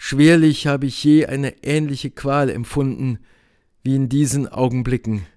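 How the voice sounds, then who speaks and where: Slow, measured male audiobook reader. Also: medium pitch, steady tone, a little mellow. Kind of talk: scripted literary narration.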